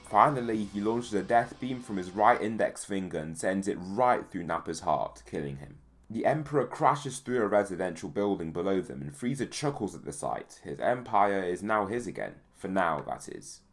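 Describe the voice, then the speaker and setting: A man hosting his channel and narrating a fan story in a plain, steady reading voice. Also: low-pitched, normal speed. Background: faint music.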